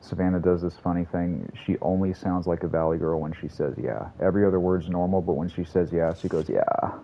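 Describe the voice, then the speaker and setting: Deep-voiced man cursing through gameplay chatter. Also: flat delivery, fast talker, highs cut off, a little hiss or hum. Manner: rambling, profane, chatty. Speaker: game streamer. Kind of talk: casual gameplay commentary to a live chat.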